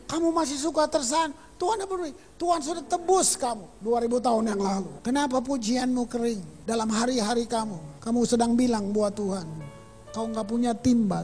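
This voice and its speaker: A man preaching a sermon with emphasis, dropping in English words and casual slang. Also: extremely high pitch. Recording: long reverb of a large hall with soft music.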